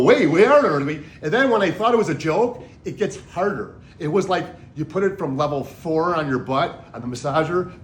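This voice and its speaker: A man on a trip with his wife, telling stories and preaching in an animated, excitable way. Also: fairly high pitch, a little hiss or hum. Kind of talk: casual preachy storytelling. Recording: roomy echoey recording.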